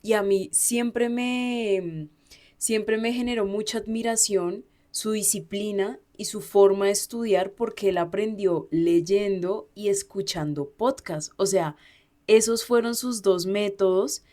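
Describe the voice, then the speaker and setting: A woman in a casual podcast chat, speaking at a mid pitch. She tells her story in an easy, flowing way with small restarts, like a teacher talking about a former student. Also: takes it slowly, dark tone. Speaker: Spanish teacher, podcast co-host.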